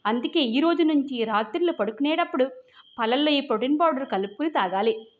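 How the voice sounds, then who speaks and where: A man's voice: very high-pitched, expressive, fairly quick. A woman voicing a grown husband who has turned cold and offhand toward his wife. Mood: fond. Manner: curt, offhand. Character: loving husband turned cold, adult man. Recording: dull lo-fi recording.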